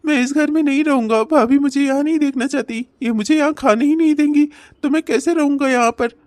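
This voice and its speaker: A woman's voice: high-pitched, brisk, darkish tone, dry recording, close to an everyday voice. A woman voicing a sly, unemployed young brother-in-law who whines and fake-sobs in a cartoon comedy. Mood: fake crying. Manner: fake sobbing, whiny.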